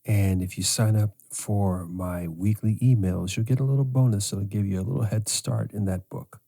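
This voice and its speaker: A middle-aged man hosting a podcast as a sleep coach, speaking in a slow, measured way. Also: on the low side, steady tone, creaky, mellow. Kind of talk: scripted podcast monologue.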